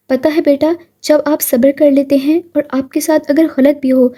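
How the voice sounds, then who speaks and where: A woman voicing a grieving widowed mother, patient and devout, in a gentle consoling manner. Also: sits high, little pitch movement, lightly acted.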